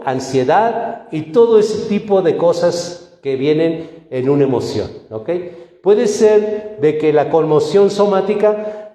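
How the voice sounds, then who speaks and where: A male pastor, preaching a sermon in a conversational, animated way, full of rhetorical questions. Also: high voice. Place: church hall. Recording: echoey hall with long reverb.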